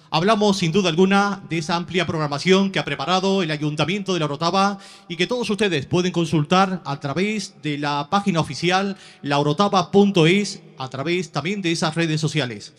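A man announcing formally as master of ceremonies, in a grand, declamatory manner. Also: a little high. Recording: long reverberant PA-like echo.

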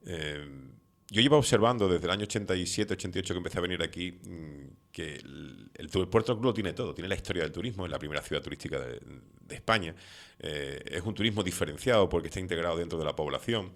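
A middle-aged radio show host with a non-Canarian Spanish accent, not from the islands, conducts a conversational interview in a talkative, opinionated manner full of fillers. His voice sits low, with vocal fry, and he talks fast.

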